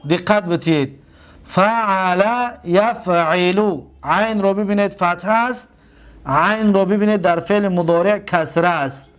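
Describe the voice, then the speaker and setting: High-voiced man teaching Arabic grammar. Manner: slow drawn-out repetition of example words; asks the class questions and answers them himself.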